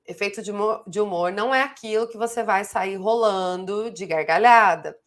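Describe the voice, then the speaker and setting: A woman's voice: mid-range voice, normal speed. A woman with a Brazilian Portuguese accent teaching an online grammar lesson, explaining word parts step by step and checking in often with the students.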